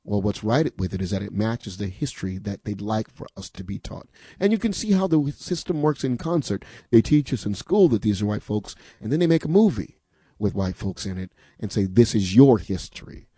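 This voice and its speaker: Hosting a radio fund drive, a man urges listeners emphatically and persuasively, posing rhetorical questions and repeating the call-in number over and over. His dark, mellow, slightly rough voice is lowish, lively in intonation and fairly quick. The studio recording is close and dry, with no room sound.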